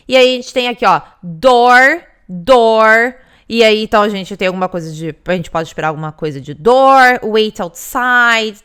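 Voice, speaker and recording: A woman's voice: mid-range voice, pushed and bright, clear, resonant tone. A woman with a Brazilian Portuguese accent explains test questions in a recorded lesson, checking in often with "né" and "tá". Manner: explanatory, repeats points, many "né" and "tá". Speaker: English test teacher.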